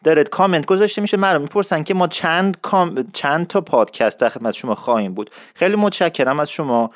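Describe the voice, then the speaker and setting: A man's voice: on the high side, animated, no echo, clean studio sound. A man hosting his own podcast, talking in a playful, mock-serious lecturing way. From Isfahan, Iran. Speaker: podcast host. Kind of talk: humorous podcast monologue.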